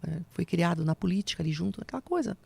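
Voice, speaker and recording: A woman telling an emotional personal testimony, slipping into soft whispers and a preaching tone. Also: fairly low pitch, animated, fast, gravelly, breathy edge. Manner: emotional, drops to soft whispers when recounting quotes; preaching tone on spiritual points. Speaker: guest giving testimony.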